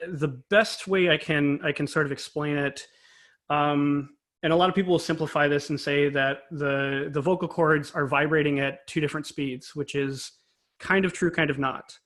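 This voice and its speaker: Speaking at normal speed with a steady, slightly bright tone on the high side, a man gives an expert interview. As a composer and conductor, he offers an informal, analytical explanation in carefully chosen words.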